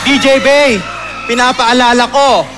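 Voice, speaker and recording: A Filipino man hosting radio call-in banter in a teasing, excitable way. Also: very high voice, measured pace. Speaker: radio DJ host in a comedy sketch. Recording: loud music behind.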